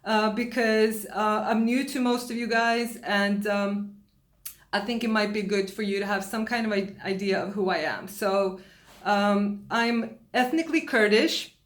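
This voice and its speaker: A woman's voice: medium pitch, measured pace. A woman who grew up in Sweden, an astrologer, talking casually to camera from her home, with many fillers and restarts. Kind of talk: casual vlog talk to camera.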